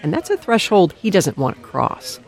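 A woman's voice: lowish voice, wildly swooping pitch, normal speed, creaky, soft background music. A woman narrating a scripted news feature as a radio reporter.

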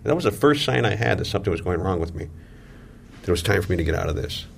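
A middle-aged man, a former gang member, giving slow, heavy, confessional testimony in an interview. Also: sits low, lively intonation, vocal fry, a little hiss or hum. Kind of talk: reflective personal testimony.

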